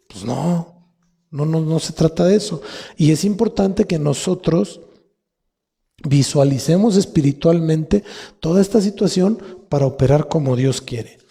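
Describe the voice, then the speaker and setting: A man with a Mexican Spanish accent preaching a sermon as pastor, teaching slowly and spelling out word roots with repetition. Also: a little high, warm tone, breathy edge. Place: church hall. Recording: long reverb of a church hall.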